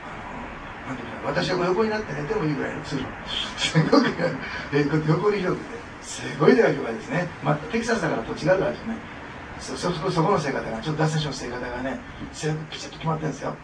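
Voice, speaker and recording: Male pastor, rapid, fervent sermon delivery; echoey hall, mic from far. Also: a little high, gravelly. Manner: fervent, expressive preaching with frequent laughs. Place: church sanctuary. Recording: echoey hall from a distance with noise.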